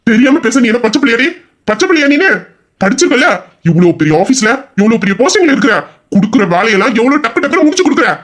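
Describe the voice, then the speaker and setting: A man's voice: very high voice, sing-song, quick pace, fairly bright tone, exaggerated voice. A man playing a hot-tempered young husband in an audio drama, mocking and bitter in every reply. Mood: sarcastic, angry. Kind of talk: Tamil audio drama acting.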